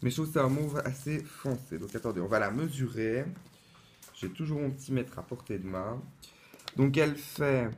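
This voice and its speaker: A man's voice: medium pitch, expressive, normal speed, darkish tone, a little hiss or hum. A man talking casually to camera as he unboxes a replica wand, chatty and hesitant, with lots of fillers and restarts. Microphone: camera mic, close-up.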